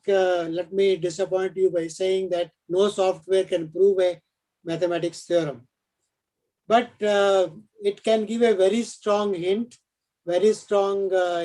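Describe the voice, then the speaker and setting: Male session moderator, high but mellow voice, informal delivery. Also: rough recording. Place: online conference call.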